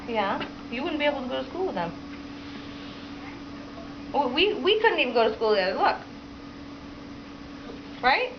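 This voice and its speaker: A woman with a high-pitched, sing-song voice reads aloud to children the way a teacher would, at a moderate pace with long pauses, asking questions and encouragingly repeating their answers. The lo-fi home recording sounds dull, with clear background noise.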